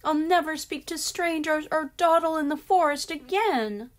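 A woman's voice: sits high, normal speed, voice pushed up, natural voice. A woman voicing an innocent, anxious little girl in a storybook, wide-eyed and quivering. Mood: frightened.

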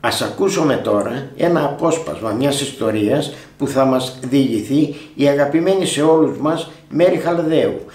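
A man's voice: medium pitch, hardly any pauses, darkish tone. A male presenter introducing the next storyteller in a friendly, formal way, in an echoey room. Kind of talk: introducing a performer.

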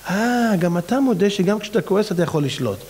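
A man, a rabbi, preaching a fiery sermon and firing off rhetorical questions with big swings in pitch. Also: expressive, darkish tone.

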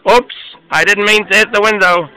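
A man's voice: sits high, steady tone, normal speed, sharp tone, smooth, pitched above the performer's own voice, rough recording. A man voicing a clumsy, well-meaning young boy who keeps apologizing, in a storybook reading. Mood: dismayed. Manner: dismayed, apologetic.

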